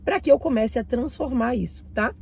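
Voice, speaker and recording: Her voice is a little high, breathy and touched with vocal fry, moving at a normal speed. She's a woman from Bahia with a Bahian Brazilian Portuguese accent who runs a mindset and finance channel, getting over a cold as she reads and comments on a book in a warm, chatty talk aimed directly at her viewers.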